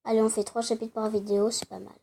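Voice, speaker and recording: A woman playing through a dating game and talking casually to her viewers. Her voice is high-pitched and soft, mellow in tone. She makes chatty, teasing asides between the on-screen lines. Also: little pitch movement, quick pace, vocal fry, slightly rough. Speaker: let's play gamer.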